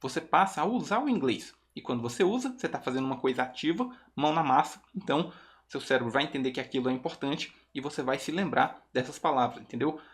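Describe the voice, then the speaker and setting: A man with a Brazilian Portuguese accent teaching English online, who explains patiently and reads example sentences slowly. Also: medium pitch, animated. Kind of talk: online language lesson.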